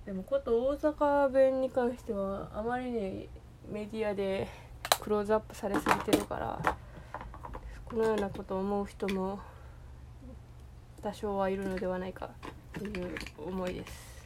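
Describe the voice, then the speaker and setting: Over a noisy background, a woman with an Osaka Kansai accent hosts a casual solo podcast chat. She speaks at a moderate pace with a medium-pitched, steady voice, wandering and hesitant, with plenty of fillers and restarts.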